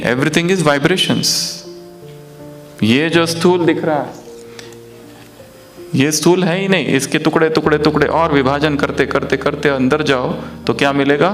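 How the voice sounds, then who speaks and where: A man teaching meditation in a spiritual talk, speaking slowly and repeating his phrases, often putting questions to his listeners. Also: fairly high pitch. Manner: slow, repetitive, chanting phrases.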